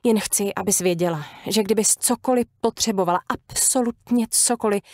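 A woman's voice: medium pitch, a little mellow, no echo, clean studio sound, lightly acted. A woman voicing a gushing, effusive middle-aged female receptionist at a sheriff's office. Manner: fussy, effusive, sugary.

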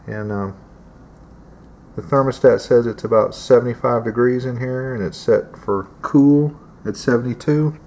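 A man's voice: medium pitch, unhurried, darkish tone. A man giving a plain-spoken, folksy how-to demonstration outdoors, repeating his warnings. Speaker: DIY home repair instructor. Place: outdoors beside an air conditioner unit.

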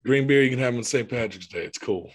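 A man's voice: mid-range voice, quick pace. A man co-hosting a podcast, chatting in a laid-back way and laughing often. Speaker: podcast co-host. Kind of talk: casual chat.

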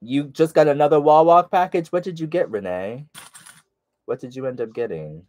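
Speaking at a moderate pace with a fairly high, expressive and slightly mellow voice, a stuffy-nosed man chats through a casual sew-along. He greets viewers by name as he works, and there's no echo in the recording.

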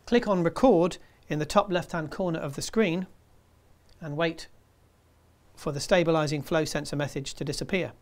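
A man in his fifties presenting a scripted tutorial in a measured, step-by-step way. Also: on the high side. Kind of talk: scripted instructional narration.

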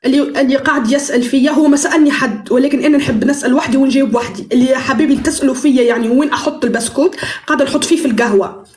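A woman's voice: sits high, racing, hardly any pauses, darkish tone, reverberant. A woman with a Tunisian accent chatting playfully on a live stream while baking, teasing and slipping into broken English.

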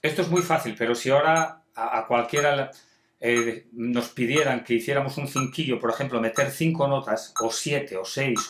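A man's voice: mid-range voice, echoey room, slight background noise. A male music teacher explaining rhythms in a homemade video masterclass, chanting rhythm syllables in time. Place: at home.

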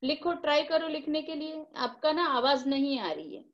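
A woman teacher with an Indian accent, coaxing young children through a class test on a video call, dictating slowly in Hindi and English. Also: high-pitched, lively intonation, muffled recording.

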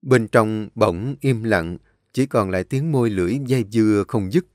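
A man narrating a novel as a storyteller, steady with a pace that changes often. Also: fairly low pitch, moderate pace, no echo, clean studio sound.

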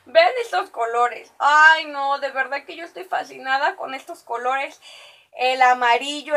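A woman's voice: high voice, sharp tone. A woman with a Mexican accent chatting through a makeup shopping haul, rambling and talking straight to her viewers. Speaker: beauty vlogger. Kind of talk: casual shopping haul vlog.

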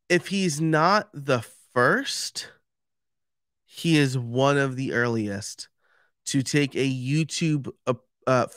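A podcast expert with a New York accent gives a casual, chatty livestream talk, walking through things step by step with lots of filler words. His voice is mid-range, and the recording is dry and studio-clean.

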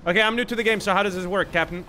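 A playful man from Sweden, in his late twenties, trolls strangers while he streams from home. His voice is a bit high and bright. Light music sits in the background. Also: rapid-fire. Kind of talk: casual streaming chat.

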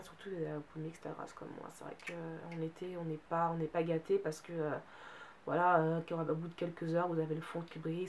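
A young adult woman, a beauty vlogger chatting casually, sounding a bit tired with a cold. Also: lowish voice. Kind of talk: casual haul chat. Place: bedroom, indoors. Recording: faint background noise.

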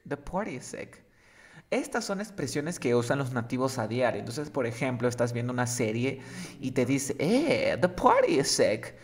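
A man's voice: mid-range voice, moderate pace. A man teaching English slang in a casual lesson, often checking that the student follows. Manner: lively, checks understanding often.

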